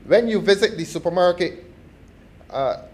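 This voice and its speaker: A middle-aged man with a Barbadian accent gives a formal parliamentary speech, measured and deliberate, often restarting his phrases. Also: sits high, animated, darkish tone. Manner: measured and formal, with repeated false starts. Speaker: member of parliament.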